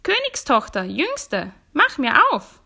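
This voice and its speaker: A woman voicing a fat, ugly male frog from a fairy tale who pleads and bargains in a high, squeaky voice. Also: sing-song, normal speed, creaky, bright, forceful tone, exaggerated voice. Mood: insistent.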